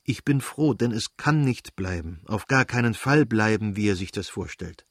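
A man's voice: on the low side, expressive, moderate pace, breathy edge, dry recording, studio quality. A man voicing a guilty young officer who speaks urgently and earnestly, read in the reader's own voice.

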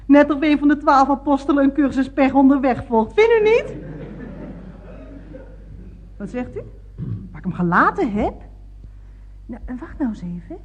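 A woman's voice: sits high, expressive, moderate pace, pauses often, muffled recording. An actress playing a scatterbrained, chatty woman motorist rambling on the phone in a radio comedy. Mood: chattering. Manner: gushing, giggly, rambling.

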